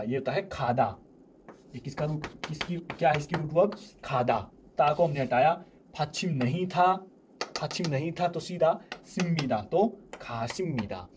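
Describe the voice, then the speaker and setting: Young man, language teacher, slightly raised pitch, repeats examples slowly, faint hiss behind. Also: darkish tone. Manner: repeats examples slowly, asks and answers own questions. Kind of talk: explaining grammar step by step.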